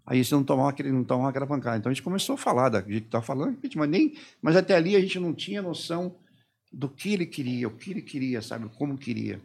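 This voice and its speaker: A man giving an emotional personal testimony as an interviewee. He talks haltingly, restarting and trailing off mid-phrase. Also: medium pitch, lively intonation, creaky, darkish tone, breathy edge.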